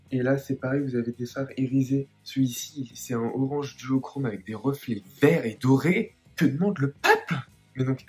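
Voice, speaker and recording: A man's voice: medium pitch, a little mellow. A man with a French accent hosting a makeup video, talking in a theatrical, self-mocking way. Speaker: makeup vlogger. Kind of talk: casual makeup tutorial chat.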